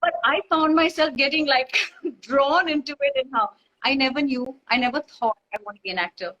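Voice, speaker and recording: A woman's voice: high-pitched, brisk, sharp tone, highs cut off. A woman from Dubai, a guest in casual chat, talking in a rambling, bubbly way full of fillers and restarts. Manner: rambling, bubbly, many fillers and self-corrections.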